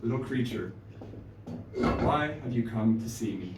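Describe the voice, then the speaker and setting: Man playing a serene female creator spirit; soft and slow, echoing on a live stage. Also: fairly low pitch, very noisy. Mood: gentle, solemn. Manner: calm, soft, unhurried. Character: calm, gentle female sky spirit. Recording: roomy live stage, distant mic.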